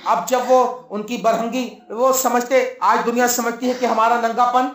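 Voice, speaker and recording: A man's voice: extremely high pitch, flat delivery, fairly bright tone, reverberant. A male pastor preaching a sermon, telling the story and acting out the dialogue. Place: church.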